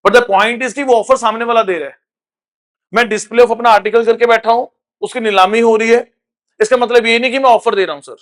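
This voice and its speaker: High-voiced Indian man teaching law. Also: fairly even intonation, a little fast, a bit bright. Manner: mixes Hindi and English, tags lines with "sir", asks checking questions. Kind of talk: recorded lecture.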